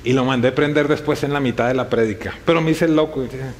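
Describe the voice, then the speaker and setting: A man's voice: mid-range voice, fast. A male pastor preaching a sermon to his congregation, talking in a conversational way and throwing rhetorical questions at the room.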